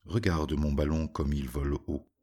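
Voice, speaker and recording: A man voicing a proud, playful cat king in a storybook, with a gravelly, husky voice and an offhand manner. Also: rumbling low, fairly even intonation, moderate pace, a little mellow.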